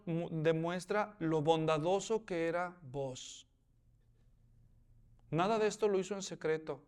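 A man's voice: sits high, clean tone. A man preaching a sermon, acting out the scenes in voices and putting questions to his listeners. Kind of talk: expository sermon.

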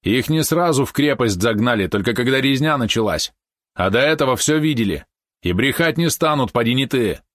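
A man's voice: mid-range voice, animated, a little fast, a bit bright, no echo, studio quality, pitched above the performer's own voice, close to an everyday voice. A man reading aloud, voicing a tall, menacing village boy who hurls accusations. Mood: accusing. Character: tall bullying village boy, angry and threatening.

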